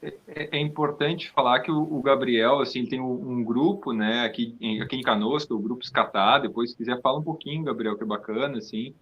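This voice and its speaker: Speaking briskly with hardly any pauses, a man with a southern Brazilian accent from Rio Grande do Sul talks casually as an interview guest, the founder of a theatre company. His medium-pitched voice has a breathy edge, the sound is lo-fi, and he often repeats words as his thoughts take shape.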